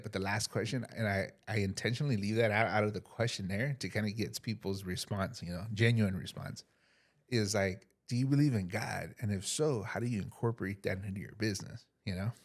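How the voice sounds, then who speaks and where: A man hosting a podcast interview, talking loosely and hesitantly with many ums and uhs. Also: lowish voice. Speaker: podcast host. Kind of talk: casual interview chat.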